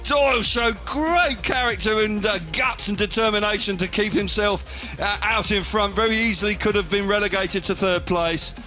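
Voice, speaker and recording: A man giving expert live motorsport commentary with an animated, emphatic delivery. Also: sits high, moderate pace, faint music behind. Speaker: expert co-commentator, former rider.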